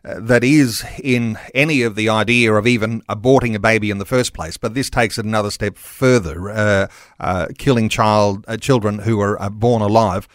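A man's voice: lowish voice, normal speed, no echo, clean studio sound. A man with an Australian accent hosting a talk-back radio show.

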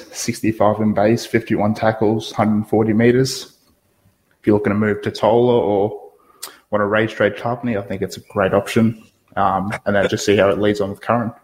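A man's voice: on the low side, a little mellow, poor audio. A man on a sports podcast, laconic with dry humour. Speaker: podcast co-host. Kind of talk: casual sports podcast chat.

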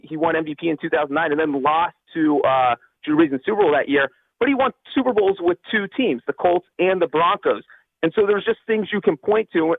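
A man from Cincinnati calling in over the phone as a guest analyst on a sports radio show, talking fast and sure of himself with plenty of fillers. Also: a little high, vocal fry, dry recording. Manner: quick, confident, thinks aloud with fillers. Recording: tinny phone line.

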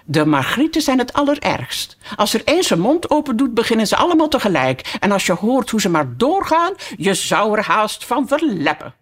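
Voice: medium pitch, sing-song, moderate pace, few pauses, voice pushed up. A reader voicing a haughty, bossy tiger lily. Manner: grand, scolding, bossy. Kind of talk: audiobook character voice.

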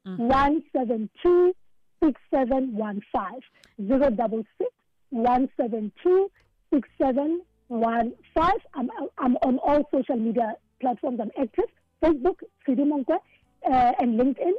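A woman's voice: sits high, animated, measured pace, no room sound, phone-quality sound. A South African woman, an author being interviewed on the radio, talking earnestly and often repeating words as she thinks. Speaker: author and guest.

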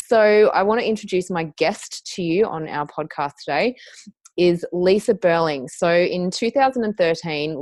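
A woman's voice: deep voice, darkish tone, no room sound. An Australian woman in her thirties hosting a podcast, chatty and upbeat, introducing her guest with a few fillers and self-corrections. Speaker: podcast host.

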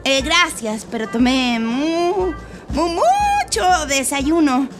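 A woman voicing a shy, anxious little boy in a storybook, talking high and slow with hesitant stammers. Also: animated. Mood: nervous. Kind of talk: storybook character voice. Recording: soft music playing behind.

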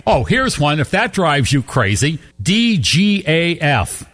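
A man co-hosting a radio show in casual on-air banter. His pitch runs a little high and swings widely as he teases. He keeps the talk light and playful. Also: slow. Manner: teasing, animated.

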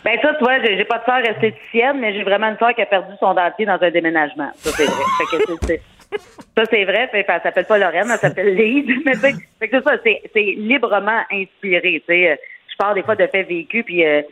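A woman with a Québécois accent, a comedian guest chatting casually, talking quickly with many fillers and restarts. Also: medium pitch, a bit bright, a little hiss or hum. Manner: rapid, hesitant, full of fillers and restarts. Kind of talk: casual interview chat. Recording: narrow phone-like radio sound.

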